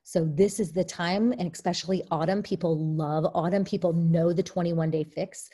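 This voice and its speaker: A woman's voice: on the low side, steady tone, normal speed, warm tone, husky. A woman leading a casual online training call for her team, chatty and upbeat with many fillers, a bit out of breath. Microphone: video call.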